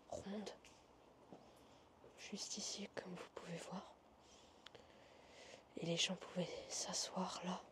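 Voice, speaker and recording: A woman narrating an exploration vlog in a hushed whisper, in short halting fragments as she shows a place around. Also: on the low side. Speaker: urban exploration vlogger. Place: inside a large abandoned hotel.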